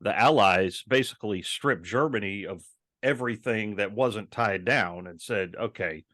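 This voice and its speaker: A man's voice: lowish voice, moderate pace, a bit bright, no echo, clean studio sound. A man co-hosting a casual podcast, talking at length with many ums and restarts. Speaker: podcast co-host.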